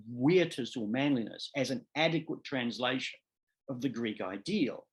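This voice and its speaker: Male professor, middle-aged, seminar lecture; unhurried and deliberate, emphatic, restates himself mid-sentence. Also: mid-range voice. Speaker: law professor.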